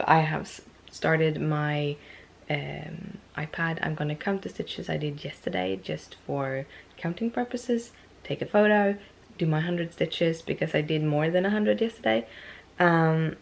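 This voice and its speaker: Talking casually to her camera in a vlog, a woman sounds stuffy and is losing her voice, which comes out low-pitched and creaky. She speaks a little slowly and rambles, with many ums and restarts.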